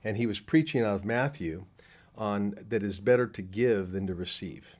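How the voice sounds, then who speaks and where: With a lowish, slightly mellow voice at normal speed, an older man who produces films fields questions at a convention. The interviewer holds a handheld mic to him in front of a poster wall, and his answers are full of fillers and restarts.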